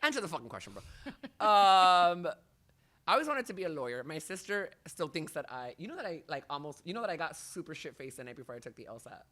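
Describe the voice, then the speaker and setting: A man's voice: fairly high pitch, fast. A man from the Miami area chatting casually on a podcast, telling stories animatedly with lots of swearing and laughter. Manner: animated, profane, laughing storyteller. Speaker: comedian, podcast guest.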